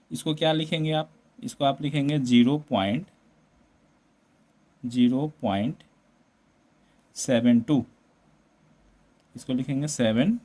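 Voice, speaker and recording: A man's voice: fairly high pitch, darkish tone. A man teaching a maths lesson, explaining step by step, mixing English number words into Hindi and often checking in with tag questions. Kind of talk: classroom-style maths lesson.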